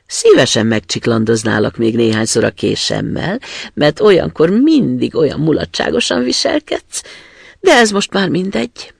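A man's voice: medium pitch, huge pitch swings, vocal fry, husky, dry recording, clean studio sound, exaggerated voice. A man voicing a bold, fierce young robber girl who talks in a brash, threatening way, in a storybook reading.

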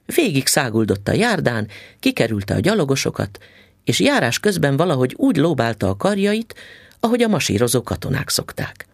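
A man narrating an audiobook with expressive storytelling. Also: medium pitch, husky, no echo, clean studio sound.

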